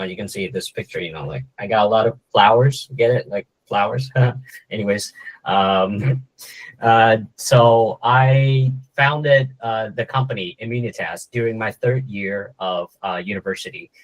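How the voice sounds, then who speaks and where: On a rough recording, a lowish-voiced Vietnamese guest speaker in his twenties talks to students. He co-founded a startup, and his presentation is relaxed and joking, with plenty of fillers and false starts.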